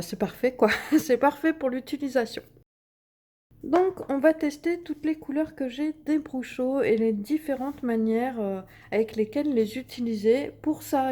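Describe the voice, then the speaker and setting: A woman's voice: high voice, dark tone. Chatty woman demonstrating crafts. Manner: chatty, many fillers and little "hop" sounds while working. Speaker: craft video host.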